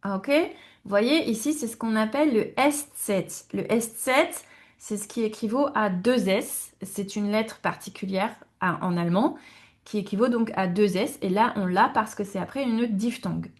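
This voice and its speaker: A woman's voice: medium pitch, moderate pace. A woman teaching German numbers to French speakers in a video lesson, patiently addressing the viewer and repeating each word with small hesitations. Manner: addresses viewers directly, frequent hesitation fillers.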